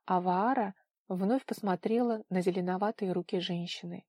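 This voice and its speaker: A woman reading an audiobook in steady, expressive scripted narration. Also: mid-range voice, moderate pace, no echo.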